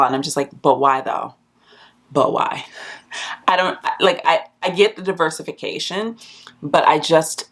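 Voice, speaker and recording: A woman beauty vlogger chatting casually about new makeup releases, rambling with fillers and restarts and jumping up in pitch when she stresses a point. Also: fairly bright tone.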